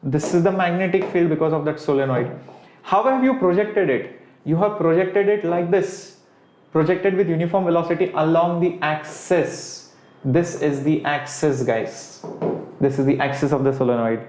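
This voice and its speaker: A man's voice: fairly high pitch, moderate pace, darkish tone. A man with an Indian accent teaching a live online physics lesson informally, working step by step and asking rhetorical questions. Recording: echoey room sound.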